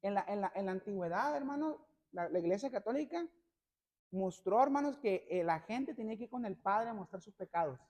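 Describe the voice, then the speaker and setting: A male pastor preaching a sermon, constantly addressing the congregation as brothers and building to loud, emphatic passages. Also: sits high, expressive, fairly quick. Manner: peppers every phrase with "hermanos".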